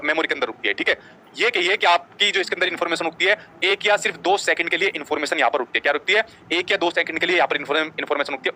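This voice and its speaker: A man gives a live online exam-prep lecture at a very rapid clip. His voice is bright and forceful and sits a little high. He quizzes the class with questions and answers them himself, checking in with "ठीक है?" again and again. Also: slight background noise, rough recording. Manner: adds "ठीक है?" after nearly every point.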